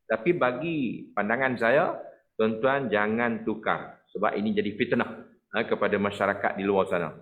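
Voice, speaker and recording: A man with a Malaysian Malay accent from Perak, teaching a Quran recitation lesson online, explaining patiently and demonstrating letter sounds and slow chanted verses. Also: fairly low pitch, phone-quality sound.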